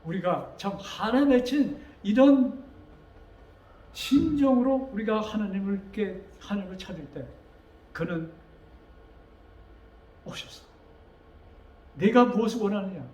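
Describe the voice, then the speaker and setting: A man preaching a sermon as pastor. He asks the congregation questions and rises to loud, dramatic quotes. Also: high voice, unhurried, long pauses, echoey room.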